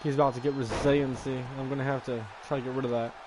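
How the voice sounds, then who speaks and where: A man giving relaxed play-by-play commentary on a wrestling video game he is playing, with fillers. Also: mid-range voice, fast talker, noisy background. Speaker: gaming video creator. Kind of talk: casual let's-play commentary.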